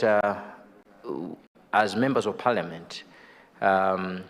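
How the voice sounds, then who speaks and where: Low-voiced Malawian man in an echoing hall. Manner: hesitant, halting, polite. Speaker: member of parliament. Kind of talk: formal parliamentary question. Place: parliament chamber. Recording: long reverb of a hall.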